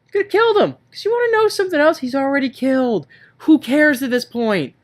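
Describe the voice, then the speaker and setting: On a laid-back movie-review podcast, this male co-host rants in exasperation and swears freely. His voice is extremely high, expressive, and he talks fast.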